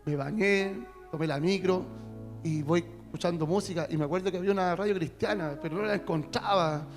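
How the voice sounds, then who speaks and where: Emotional Chilean preacher in a reverberant church. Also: male voice, high voice, brisk. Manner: emotional, repetitive, addresses listeners as brother. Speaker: minister. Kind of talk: testimony sermon. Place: church hall. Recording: long church reverb with music behind.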